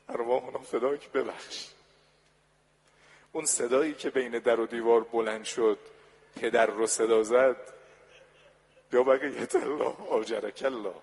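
Lamenting male preacher in a reverberant hall. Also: medium pitch. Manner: soft storytelling that swells into loud lamenting cries. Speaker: religious eulogist. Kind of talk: mourning sermon.

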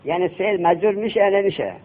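A man teaching a classroom grammar lesson, quizzing his students with quick questions. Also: high-pitched. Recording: tinny lo-fi classroom recording.

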